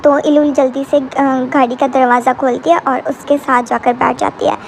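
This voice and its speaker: A woman's voice: sits high, flat delivery, normal speed, gravelly, a little hiss or hum, poor audio. A woman casually recapping a drama episode in a chatty, opinionated way, talking straight to her viewers.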